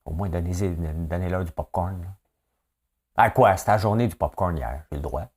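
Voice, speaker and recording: A man's voice: low voice, moderate pace, darkish tone, husky. A man with a Québécois accent hosting a casual news commentary, blunt and opinionated with a joking edge. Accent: Québécois French. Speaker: host of a daily news chat.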